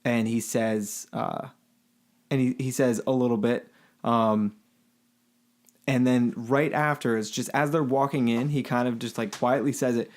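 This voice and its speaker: A man's voice: mid-range voice, steady tone, a little slow. Laughing male podcast co-host. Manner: laughs often, hesitant with fillers and restarts. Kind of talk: casual chat.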